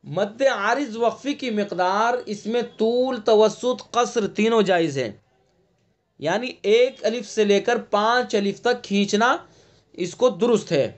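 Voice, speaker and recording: A man with a notably high voice teaches an online Quran recitation class. He explains letter sounds patiently, step by step, often checking that students follow, and chants the verses slowly with stretched vowels. The audio is dull and lo-fi. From India.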